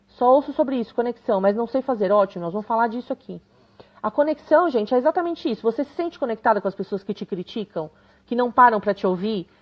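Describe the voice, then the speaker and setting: A woman's voice: on the high side, darkish tone. A woman in her thirties giving a live parenting talk, chatty and conversational, often checking in with her viewers. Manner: conversational, frequent tag questions, reads comments aloud. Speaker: parenting educator.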